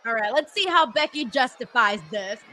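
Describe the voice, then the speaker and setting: A woman with a high, bright voice chats casually as a livestream host. She is exclamatory and slangy in her reactions, with clear noise and ambience behind her. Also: animated, moderate pace, a faint crowd, low-quality recording. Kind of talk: casual live reaction chat.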